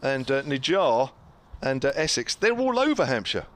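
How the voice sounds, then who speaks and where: Animated male live cricket commentator. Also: medium pitch, moderate pace.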